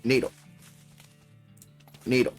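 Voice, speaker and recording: A man's voice: slow pace, soft background music. A man doing a casual let's play, reading game text aloud with muttered, dryly understated asides. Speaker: video game player and commentator.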